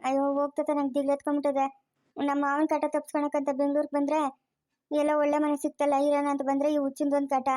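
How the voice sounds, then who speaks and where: A woman's voice: high voice, monotone, fast, mellow, natural voice. A woman playing an anxious young granddaughter. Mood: pleading. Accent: rural Kannada, Chikkaballapur region. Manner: worried, pleading, repeats herself. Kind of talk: amateur family drama acting.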